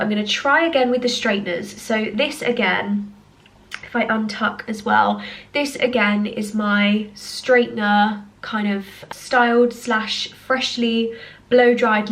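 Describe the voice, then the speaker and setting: Filmed at home on a handheld camera, a woman with a mid-range, fairly bright voice chats upbeat to camera as a home decor vlogger. She has a cold that makes her sound nasal, and she laughs often in little bursts.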